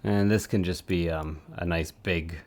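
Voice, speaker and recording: A man's voice: low-pitched, steady tone, measured pace, darkish tone. A man chatting casually on a live stream while he works, rambling with self-mocking asides. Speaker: streamer supporting 3D print models.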